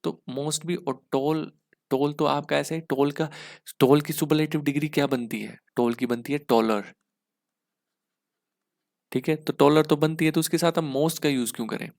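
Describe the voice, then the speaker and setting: A man teaching English for an exam in a mix, explaining step by step with rhetorical questions and spelling words out slowly. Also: on the high side, steady tone, vocal fry, a little mellow. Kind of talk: exam-prep lesson in Hindi-English mix.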